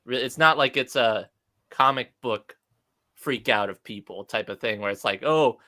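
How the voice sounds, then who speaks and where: A man co-hosting a livestream, chatting loosely and excitably, breaking into laughs. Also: medium pitch, moderate pace. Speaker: co-host. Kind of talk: casual livestream chat.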